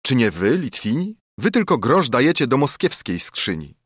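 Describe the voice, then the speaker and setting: A man's voice: mid-range voice, sing-song, moderate pace, breathy edge, no room sound, clean studio sound, voice pushed up. A man voicing an old Bernardine friar who speaks with hearty, oratorical persuasion. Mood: preaching.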